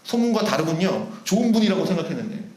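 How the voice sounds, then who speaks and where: A man's voice: high-pitched, sing-song, fast, a little mellow, voice pushed down. A man playing a proud, indignant foreign mother. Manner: indignant, pleading questions. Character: bitter foreign mother, middle-aged woman, proud. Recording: roomy church hall echo.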